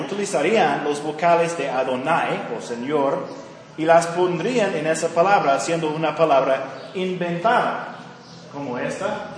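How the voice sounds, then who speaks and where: A man's voice: on the high side, a little hiss or hum. A man teaching a Bible study lesson, using fillers and often checking in with his listeners. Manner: frequent fillers and check-in questions. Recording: echoey hall, voice from far off.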